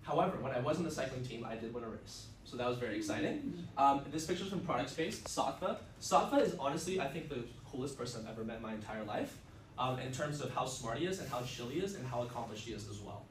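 This young adult, a man whose first language is Russian, talks fast with lively intonation at a medium pitch. His student club presentation is casual, upbeat and chatty, heavy on fillers. The recording comes from a far camera across a mid-sized indoor classroom and sounds roomy and distant, with faint ambient noise.

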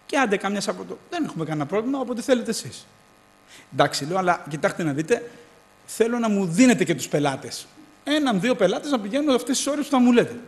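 A man preaching a sermon, telling a personal story with acted dialogue and building to loud exhortation. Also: sits high, very animated.

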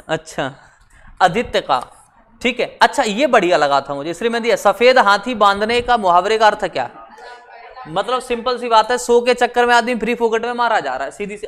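A man's voice: high voice, a bit bright. Male coaching teacher, chatty Hindi lesson. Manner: conversational, explains with everyday examples and chuckles; slows down and stresses key definitions. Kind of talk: online class lecture.

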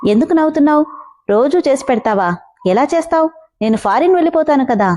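Teen boy, playful, teasing, a bit quick, read by a woman. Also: high voice, expressive, mellow, pitched above the performer's own voice. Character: teasing, ambitious teenage boy.

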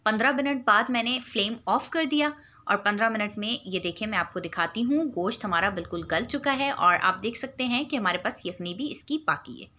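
A woman's voice: mid-range voice, brisk, pushed and bright. A woman narrating a home cooking video, patiently explaining each step. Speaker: cooking vlogger.

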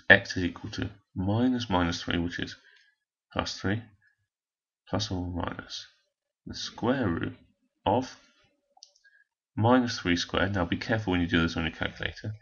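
Hoarse, gravelly-voiced man teaching maths. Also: low voice, measured pace, dull audio. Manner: step-by-step explaining, talking while working a calculator. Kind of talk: recorded maths lesson walkthrough.

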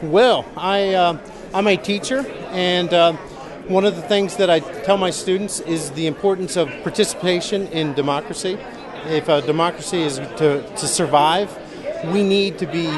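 This is an on-the-spot interview with a male political candidate in his forties from Missouri, recorded in a large indoor convention hall with busy crowd noise behind him. He has a fairly high voice and a steady tone, and his earnest delivery is halting, with stumbles over repeated words.

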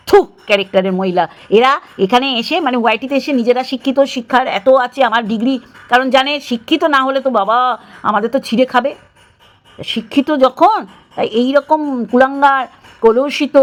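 A woman vlogger delivering an angry, scornful commentary rant full of abusive, disgusted outbursts. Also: a little high.

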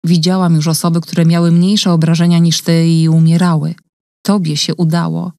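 A woman voicing a gentle, caring woman who speaks softly and calmly in an audiobook reading. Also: on the low side, moderate pace, no room sound, clean studio sound, close to an everyday voice. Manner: soft, calm, reassuring.

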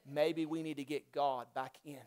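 A male pastor preaching a sermon in a church, swinging from loud, fervent exhortation down to quiet, near-whispered intensity, with repeated calls to the congregation. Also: on the high side, flat delivery, normal speed, clear, resonant tone. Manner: repetitive call-and-response exhortation. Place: church sanctuary.

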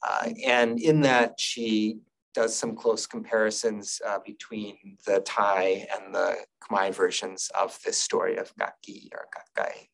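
A middle-aged man gives an academic lecture over slides on a video call, thoughtful and measured, often pausing on filler sounds. His voice sits fairly low and he is a little distant from the webcam mic, so the sound is slightly far off. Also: flat delivery, creaky, fairly bright tone. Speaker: lecturer on Buddhist poetry.

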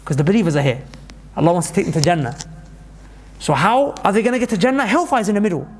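A man's voice: sits high, expressive, fast talker, a little hiss or hum. A man giving an urgent, emphatic sermon, repeating points for stress. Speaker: preacher.

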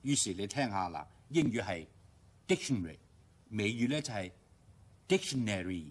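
A man with a Hong Kong Cantonese accent teaching English pronunciation on radio, explaining step by step and slowly modeling English words. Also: lowish voice, animated, husky. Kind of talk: radio language lesson. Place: radio studio.

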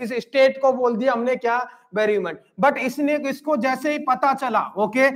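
A male teacher with an Indian accent giving a live exam-prep lecture, repeating points and checking in with "okay" and "clear". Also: very high voice. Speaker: nursing exam coaching teacher.

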